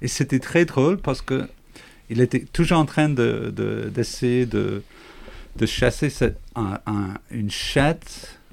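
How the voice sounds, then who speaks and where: A man with an English accent and a gravelly voice talks as a guest on a casual podcast. His French is lively and jokey, and he stops now and then to hunt for the right word. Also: mid-range voice, slow. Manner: animated, jokey, searching for French words.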